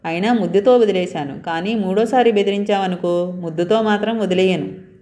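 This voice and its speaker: A woman voicing a bold, teasing young man on the run in a read-aloud story, mocking at times and softly coaxing at others. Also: medium pitch, brisk, natural voice.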